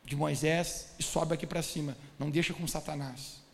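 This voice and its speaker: A preacher voicing God, giving slow, grave commands. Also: male voice, a little high, fairly even intonation, gravelly, pitched below the performer's own voice. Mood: commanding. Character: solemn deep-voiced God giving orders. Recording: echoey hall reverb.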